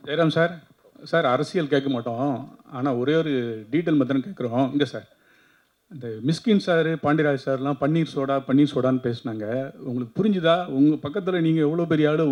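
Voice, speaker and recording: A man's voice: on the high side, lo-fi sound. A male reporter putting playful, needling questions at a press meet.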